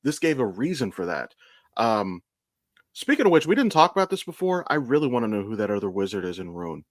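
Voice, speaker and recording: A man with a lowish, sing-song voice talks fairly quickly as co-host of a casual podcast, giving his fan opinions on pop culture and swearing now and then. The studio recording is clean, with no echo.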